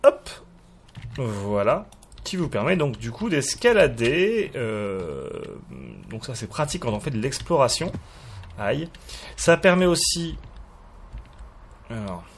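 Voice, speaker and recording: A man's voice: medium pitch, big pitch swings, slow, pauses often, slight background noise. A man giving casual, hesitant commentary while showing a game mod, full of fillers and restarts and chuckling at himself. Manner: self-mocking, chuckles at himself. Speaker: YouTuber presenting a game mod.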